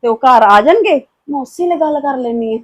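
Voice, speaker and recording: A woman's voice: sits high, animated, brisk. A woman playing a protective, fierce mother in a scripted family drama, firm and defiant while soothing her daughter. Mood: calm. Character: protective, fierce middle-aged Punjabi mother.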